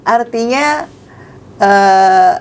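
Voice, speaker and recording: A woman's voice: medium pitch, extremely slow. A young woman, a pageant titleholder, chatting casually as a guest, giggling often and filling her talk with little fillers. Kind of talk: casual chat.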